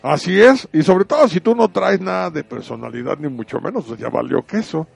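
A man's voice: fairly high pitch, a little fast, vocal fry, breathy edge. A man with a Mexican accent co-hosting a casual, slangy chat show. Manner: chatty, slangy, animated. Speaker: co-host. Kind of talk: casual chat about wrestling.

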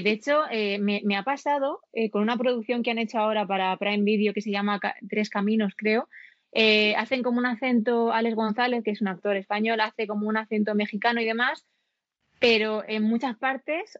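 A woman's voice: fairly high pitch, steady tone, fairly quick, dry recording. Hesitant woman, dry muffled recording. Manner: thoughtful, hesitant with many fillers. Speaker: interviewee, voice-acting student. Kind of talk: conversational interview.

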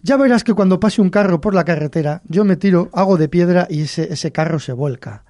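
A man's voice: sits high, a little fast, dark tone, no echo, lightly acted. A man doing a boastful vain toad. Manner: cocky, show-off.

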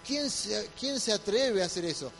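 A man's voice: high-pitched, expressive, normal speed, gravelly, fairly bright tone, slight background noise, exaggerated voice. A man voicing an angry king in a sermon retelling. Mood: outraged.

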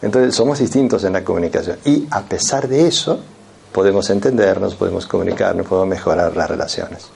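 Gravelly low-voiced lecturer. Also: male voice, fairly quick, darkish tone, slight background noise. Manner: explanatory, addresses the audience directly with frequent asides. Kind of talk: classroom lecture.

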